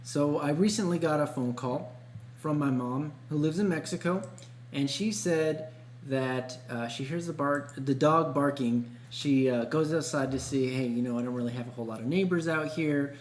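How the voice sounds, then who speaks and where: A podcast co-host tells stories in a casual, easygoing, colloquial way. His voice is on the high side at normal speed. The room is echoey, with hum and noise.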